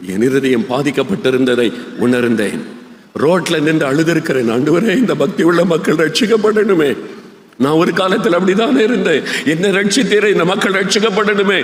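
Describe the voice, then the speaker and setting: An older man, preaching a sermon that swings from hushed storytelling to high shouted appeals. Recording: echoey hall.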